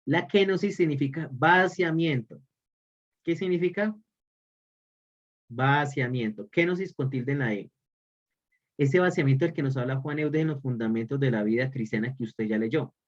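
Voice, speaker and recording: A man teaching an online religious formation class, repeating key phrases for emphasis. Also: mid-range voice. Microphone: video call. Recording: dull lo-fi call audio.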